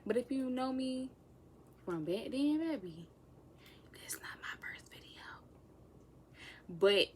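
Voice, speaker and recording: A woman's voice: on the low side, slight background noise. A woman of twenty chatting casually in a Q&A vlog, sassy and playful, with whispered asides. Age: 20s. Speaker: vlogger. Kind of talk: casual get-to-know-me Q&A.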